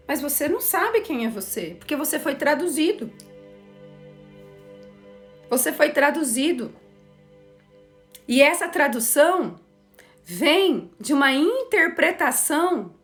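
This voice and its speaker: A woman giving a lecture at a very unhurried pace, her voice sitting a little high. She talks in a reflective way and keeps turning to her listeners with questions. Faint music plays underneath. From Brazil. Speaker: teacher of a course on systemic motherhood. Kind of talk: spoken lecture to a class.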